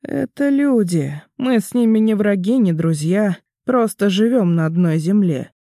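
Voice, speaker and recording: Man playing a calm wry demon warrior, audiobook, mellow tone, dry sound. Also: sits high, unhurried, no echo. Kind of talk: audiobook character voice.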